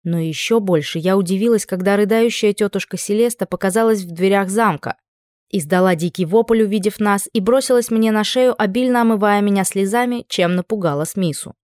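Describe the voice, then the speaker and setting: A woman narrating a first-person fantasy audiobook in a lively, expressive reading. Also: mid-range voice, fairly quick, dry recording, clean studio sound.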